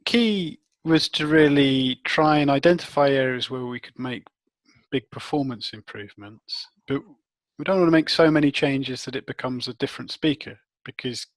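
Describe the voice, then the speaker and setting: A man interviewed as an expert, the head of research and development, gives technical answers while thinking aloud and frequently rephrasing. He speaks at a moderate pace with medium pitch, and there is no echo.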